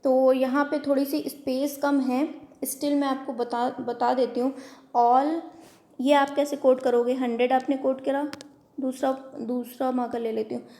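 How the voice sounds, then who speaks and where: A woman coaching-class teacher explaining exam questions at a whiteboard. She reads English statements out slowly and then explains them in Hindi. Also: high voice, flat delivery, dark tone. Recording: echoey room.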